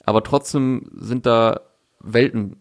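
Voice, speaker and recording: Speaking slowly in a mid-range voice, a young music podcast co-host discusses a release casually and thoughtfully, with plenty of fillers and restarts. The recording is dry and studio quality.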